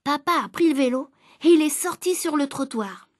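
A woman reading a children's story aloud in the voice of the boy narrator, lively and expressive. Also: sits high, normal speed, no room sound, studio quality.

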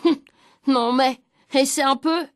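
A woman's voice: sits high, fairly even intonation, slow pace, no room sound, clean studio sound. A woman voicing a portly, pompous neighbor who loves to mock and boast.

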